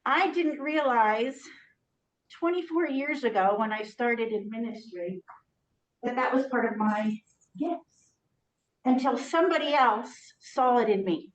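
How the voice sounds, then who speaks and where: Middle-aged female workshop leader, halting and encouraging, voice muffled by a mask, distant dull mic. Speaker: ministry trainer leading a teacher training. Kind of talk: informal workshop talk. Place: echoey room, speaking to a group. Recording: muffled, echoey room recording, distant mic, rumble.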